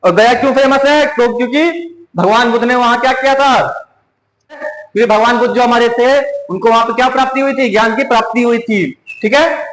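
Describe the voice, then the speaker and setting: A man's voice: very high voice, fairly quick, fairly bright tone. A man teaches an exam coaching class, firing off quiz questions and answering them himself. Each key word gets repeated. The voice rings with the echo of a roomy space. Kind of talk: classroom lecture.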